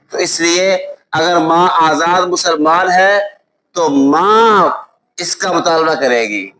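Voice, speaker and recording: A man with a Pakistani Urdu accent teaching a lesson on Islamic law. He recites Arabic texts slowly, then explains them with examples and often checks that students follow. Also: a little high, fairly bright tone, slight background noise, poor audio. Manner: explains with worked examples and asks "ٹھیک ہے؟" to check understanding. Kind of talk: classroom lecture.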